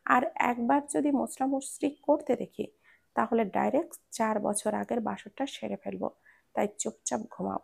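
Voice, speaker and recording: Woman doing a bossy male minister, gravelly, low and hushed, commanding, storybook reading. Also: normal speed, exaggerated voice. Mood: stern. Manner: bossy, threatening, quietly teasing. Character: stern commanding male minister, teasing husband.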